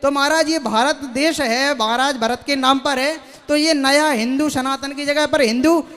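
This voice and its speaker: A man's voice: very high voice, steady tone, a little slow, a bit bright. A young man in an audience, asking a spiritual teacher long, earnest and deferential questions. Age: young adult. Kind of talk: devotional question and answer.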